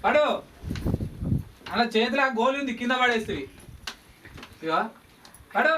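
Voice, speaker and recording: A woman's voice: a little high, animated, a little slow, a bit bright, slight background noise. A woman, scolding and instructing a patient about taking medicine. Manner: scolding, bossy. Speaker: caretaker giving medicine. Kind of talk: village short-film acting. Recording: distant mic with background music.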